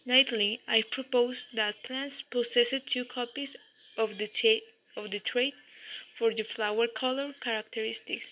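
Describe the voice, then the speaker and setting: Bright-voiced woman reading a first-person report. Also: a little high, low-quality recording. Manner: reads from a script with stumbles and self-corrections. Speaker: student presenter speaking as a historical scientist. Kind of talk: first-person read-aloud school report.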